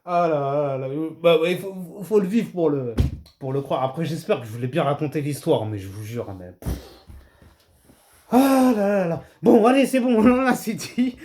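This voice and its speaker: A middle-aged man of Comorian heritage casually telling a story to his channel's viewers, swinging between low asides and high excited exclamations. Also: moderate pace. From Comorian heritage, France. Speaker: channel host.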